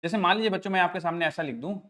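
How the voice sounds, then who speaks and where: Rapid-fire, high-pitched and fairly bright, a middle-aged man is patiently teaching a maths class. Addressing the students as children, he often asks questions to make sure they grasp the terms.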